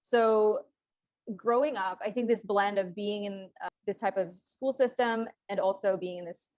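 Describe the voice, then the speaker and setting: A woman's voice: medium pitch, normal speed, a little mellow, no echo. A woman raised in the Philippines, a guest speaking in a reflective, hesitant way with many fillers in a casual interview. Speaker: guest, sexual wellness educator.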